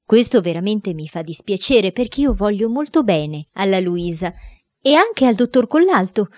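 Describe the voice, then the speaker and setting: A woman narrating a children's diary novel as an audiobook reader, in an expressive storytelling manner. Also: mid-range voice, moderate pace, dry recording, clean studio sound.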